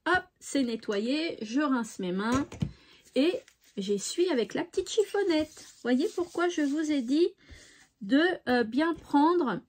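A woman's voice: sits high, lively intonation, takes it slowly, slight background noise. A woman hosting a craft tutorial, chatting casually and thinking aloud with fillers. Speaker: craft channel host.

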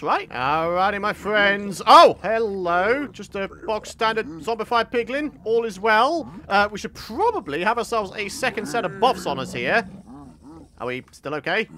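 A man's voice: high voice, bright, forceful tone, a little hiss or hum. A man giving jokey Let's Play commentary, chatting to his viewers as friends. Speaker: gaming YouTuber.

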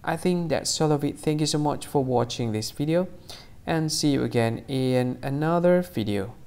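Gravelly-voiced man hosting a quiz clip. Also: on the high side, moderate pace, mellow. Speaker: channel host. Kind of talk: scripted explainer and outro.

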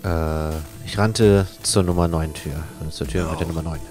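A man doing a let's play, reading a story aloud as he translates it, haltingly and correcting himself. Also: rumbling low, steady tone, darkish tone. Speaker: let's player reading and translating a visual novel. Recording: game music faintly behind. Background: faint game soundtrack.

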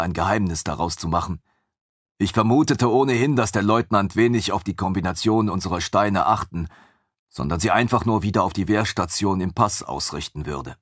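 A man reading a fantasy audiobook in the first person, in a steady, even manner. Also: low voice, dry recording, clean studio sound. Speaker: audiobook narrator.

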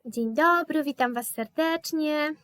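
Slow, patient woman teaching German. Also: sits high, fairly bright tone, no echo, clean studio sound. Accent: Polish. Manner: slow, patient explaining with hesitation fillers. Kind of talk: live online language lesson.

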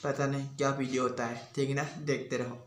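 A young man making a comic roast video, rambling excitably, cursing, and saying "yaar" at every turn. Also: mid-range voice, fast, a little hiss or hum. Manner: rambling, excitable, swears, says "yaar" constantly. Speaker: YouTube creator. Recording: echoey room.

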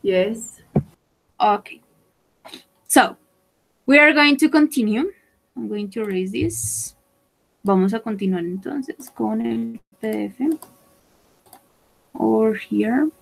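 Slow, careful woman teaching English. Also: fairly high pitch, lively intonation, vocal fry, poor audio. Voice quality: slow, careful explaining with repetition. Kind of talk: bilingual online English lesson.

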